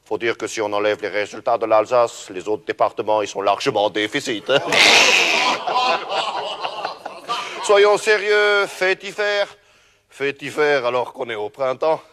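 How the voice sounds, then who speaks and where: A man's voice: mid-range voice, expressive, unhurried, pushed and bright, long reverb tail. An actor playing a mock-serious male regional newsreader in a comedy sketch, with an exaggerated Alsatian accent. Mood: jokey. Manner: mock-serious, laughing at his own jokes.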